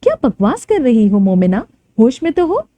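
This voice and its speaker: A woman's voice: fairly high pitch, sing-song, normal speed, warm tone, no room sound. Stern scolding mother, as a woman reads her. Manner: scolding, firm. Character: stern worried middle-aged mother scolding her daughter.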